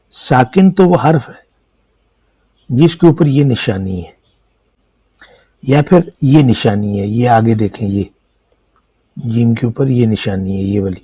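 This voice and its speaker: Male language teacher, Pakistani Urdu accent, patient explainer, mellow and slightly husky voice. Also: medium pitch, no echo, low-quality recording. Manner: patient, explanatory, asks and answers own questions. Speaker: Arabic teacher. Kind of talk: classroom lecture explaining script.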